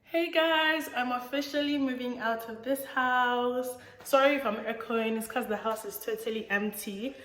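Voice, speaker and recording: A woman vlogging in a bare, empty house, her voice echoing off the walls as she exclaims excitedly to the camera. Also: normal speed, few pauses. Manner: excited and emotional, exclaiming, pitch jumping high. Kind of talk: casual vlog chat to camera. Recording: echoey empty room, clear background noise.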